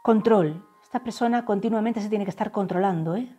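A woman from gives a tarot reading to camera. Her voice is mellow and breathy, and she draws out the channeled phrases slowly and softly over faint background music. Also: medium pitch. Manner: slow, soft, drawn-out channeled phrases. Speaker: tarot reader.

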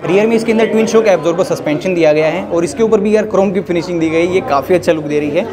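Indian male motovlogger, quick and chatty, busy crowd noise around him outdoors. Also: sits high. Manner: chatty, peppers talk with "yaar". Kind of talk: casual bike review walkaround. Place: outdoors in a busy urban spot. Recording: noisy outdoor crowd background. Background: crowd and street bustle.

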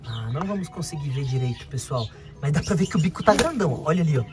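Speaking over music, a man with a fairly high, expressive voice talks fast while touring his outdoor bird enclosures for a casual vlog. He chats with viewers and coos at the birds in baby talk.

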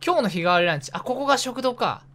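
A man's voice: very high voice, expressive, a bit bright. A man streaming a horror game, chatting to himself and yelping with sudden, repeated startled exclamations. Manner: jumpy, easily startled, yelps and rapid repeated exclamations; chatty self-talk narrating his moves. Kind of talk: casual horror game commentary.

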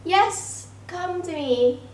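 A woman's voice: very high voice, animated, extremely slow, distant mic, noisy background. A young woman chatting casually in a vlog, sarcastic and mock-offended as she calls out trolls. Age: young adult. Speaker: YouTuber reacting to hate comments. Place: bedroom, indoors. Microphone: camera mic at a distance. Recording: roomy, off-mic, music behind.

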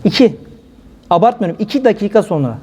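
High-voiced preacher telling stories. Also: male voice, fast talker, breathy edge, muffled recording. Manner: lively storytelling preacher, acts out quoted voices. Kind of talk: sermon talk.

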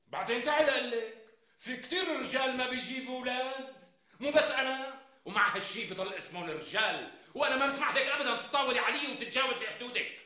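A man's voice: very high-pitched, quick pace, bright, forceful tone, reverberant, full character voice. An actor playing a browbeaten middle-aged husband with a Damascene Syrian accent, who rants bold speeches when he is alone in a TV sitcom. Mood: blustering. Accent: Damascene Syrian Arabic. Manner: rehearses bold speeches, mocking and ranting. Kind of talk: TV sitcom acting.

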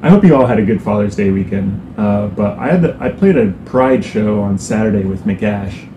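A man with a somewhat low voice gives a loose, rambling update full of fillers. His humor is dry and self-mocking. He sounds like he is in an echoey room with an air conditioner humming behind him. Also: animated, normal speed, noisy background. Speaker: musician giving a band update. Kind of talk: casual vlog update. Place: indoors on a hot day. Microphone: no lapel mic, camera mic.

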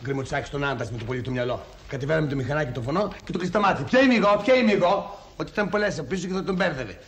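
An actor playing a grumpy village husband who rants sarcastically and yells insults. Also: male voice, a little high, lively intonation. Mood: grumbling. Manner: ranting, sarcastic, yelling insults.

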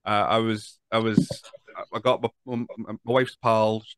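A man's voice: on the low side, flat delivery, a little slow, clean tone, no room sound. A Scottish man in his thirties hosting a podcast interview over a video call, chatty and stumbling over repeated words. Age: 30s. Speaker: podcast host. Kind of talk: casual interview chat. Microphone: large studio mic with headphones.

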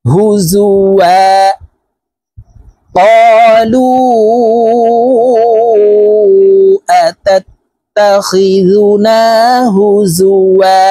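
A man teaching Quran reading, spelling words out letter by letter and reciting verses in a slow, drawn-out chant. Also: on the high side, mellow, breathy edge, no room sound. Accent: Bangladeshi Bengali.

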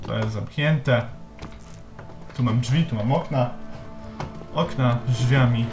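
A man plays a horror game and comments as he goes, swearing and talking to himself and to the objects around him. His delivery is slow and drawn out, at a middling pitch. The voice sits in an echoey room with clear game music underneath. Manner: shouts in panic when scared. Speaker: let's play gamer. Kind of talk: let's play commentary.

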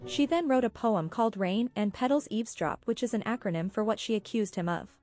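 A woman's voice: a little high, expressive, fairly quick, a little mellow, soft background music. A woman narrating a commentary video in a dry, matter-of-fact scripted read.

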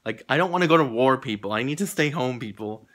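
A young man in casual vlog storytelling mode, talking to his viewers and rambling through his tale. He acts out every exchange, so his voice jumps high and wide when he gets worked up, then drops back down to a mutter. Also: quick pace. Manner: animated, rambling, acts out quotes with jumps in pitch. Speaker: vlogger.

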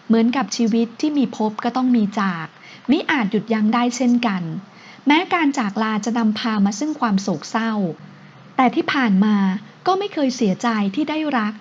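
Woman reading a romance audio novel, highish husky voice, dull lo-fi audio. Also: a little mellow. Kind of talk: scripted narration.

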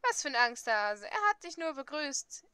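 A woman's voice: high-pitched, sing-song, normal speed, bright, forceful tone, dry recording, heavily acted. A woman voicing a cocky, brusque teenage boy from a dating game, teasing and curt.

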